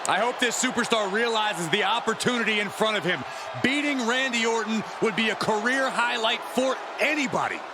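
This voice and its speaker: A man's voice: high-pitched, moderate pace. A man giving emphatic, opinionated color commentary on wrestling. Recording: loud arena crowd noise throughout. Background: roaring arena crowd.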